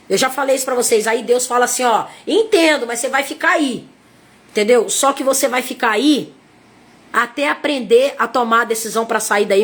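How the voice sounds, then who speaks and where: A woman's voice: fairly high pitch, a bit bright. A middle-aged woman missionary with a Brazilian accent, preaching in a conversational, emphatic way and repeating her points straight to her listeners. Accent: Brazilian Portuguese. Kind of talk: conversational sermon.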